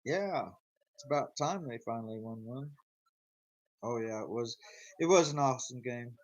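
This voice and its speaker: A YouTuber with a slight Arkansas twang rambles and chuckles while chatting casually with his live-stream viewers. His mid-range voice is expressive and moves at normal speed, recorded with no echo but with the highs cut off.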